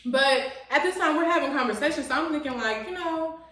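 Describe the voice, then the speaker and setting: A young woman vlogger telling a story to camera in a casual, animated, sassy way. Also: high voice, a little fast, far from the mic. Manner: animated, expressive, sassy asides. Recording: echoey room, voice away from mic.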